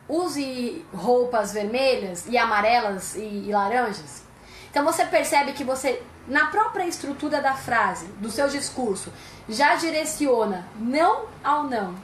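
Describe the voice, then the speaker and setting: A woman's voice: on the high side, a bit bright, echoey room, slight background noise. Brazilian woman psychologist explaining. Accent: Brazilian Portuguese. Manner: explanatory, uses rhetorical questions. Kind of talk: live-stream conversation.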